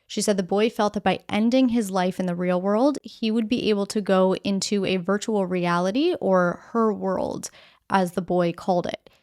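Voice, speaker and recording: A woman's voice: mid-range voice, steady tone, moderate pace, a little mellow. A woman hosting a news podcast, explaining the day's stories in a conversational, direct way and walking through them step by step.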